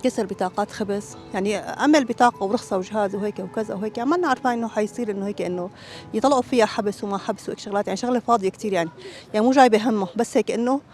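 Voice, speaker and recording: A woman's voice: medium pitch, very fast, darkish tone. A middle-aged woman with a Syrian Arabic accent, answering questions in a casual personal interview. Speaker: street interviewee. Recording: background music under voice.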